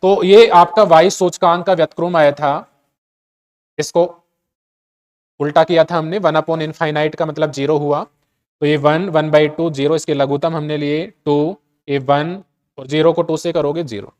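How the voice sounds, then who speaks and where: A man's voice: fairly high pitch, moderate pace. A man with a Hindi accent teaching chemistry in a lecture, repeating key steps and asking rhetorical questions to check that students follow. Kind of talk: classroom lecture.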